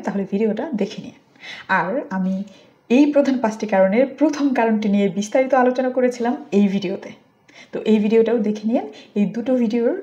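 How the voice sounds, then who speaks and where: A woman with a Bangladeshi accent teaches English pronunciation in a soft, warm voice. She explains in a steady tone, then says each English word and sentence again slowly so it can be copied. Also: fairly high pitch. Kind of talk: YouTube pronunciation lesson.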